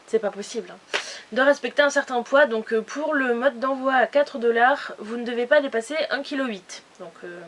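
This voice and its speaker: Woman beauty vlogger, casual and rambling, slightly high voice, faint noise on the track. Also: normal speed. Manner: chatty, rambling, many fillers and restarts. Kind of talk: casual haul video chat.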